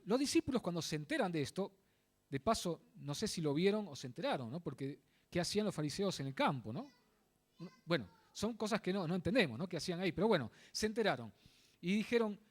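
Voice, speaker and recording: A man preaching a sermon in a church, explaining a Bible passage, stressing key words and making asides to the congregation. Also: sits high.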